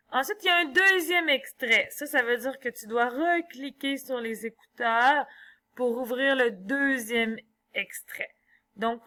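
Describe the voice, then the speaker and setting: Woman teacher, slow and explanatory, bright and a little high. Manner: slow, explanatory, thinking aloud. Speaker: French teacher. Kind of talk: tutorial walkthrough of an online exercise.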